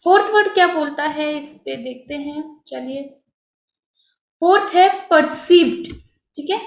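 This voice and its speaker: A woman's voice: high-pitched, takes it slowly, echoey room. A woman with an Indian accent, teaching an online vocabulary lesson, explaining word meanings and correcting herself as she goes. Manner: explains in mixed Hindi and English, self-correcting.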